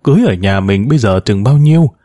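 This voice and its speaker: A man's voice: on the low side, animated, fast, warm tone, no room sound, clean studio sound, natural voice. A man voicing a kindly grandmother who offers help in a caring way in a spoken story. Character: older woman, kindly grandmother.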